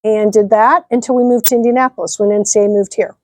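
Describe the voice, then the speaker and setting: A woman's voice: mid-range voice, fairly even intonation, quick pace, a little mellow, no echo. A middle-aged woman from Nebraska, a nonprofit director, answering interview questions in an upbeat, articulate way. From Nebraska, United States. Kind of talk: interview conversation.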